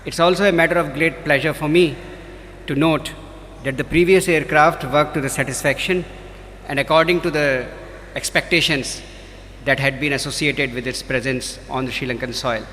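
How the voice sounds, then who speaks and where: Indian accent man, slightly high voice, measured diplomat speech in an echoey hall. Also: steady tone, fairly bright tone. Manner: measured, phrase-by-phrase delivery. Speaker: diplomat representing India at a ceremony. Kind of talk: formal ceremonial speech. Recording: reverberant hall, faint background noise.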